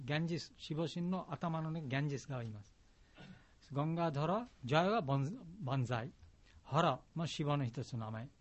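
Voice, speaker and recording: Man explaining a chant in halting Japanese. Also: fairly high pitch, lively intonation. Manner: simple, halting Japanese with patient word-by-word explanations. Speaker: chant teacher. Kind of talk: explaining a devotional song to a class. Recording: dull lo-fi recording.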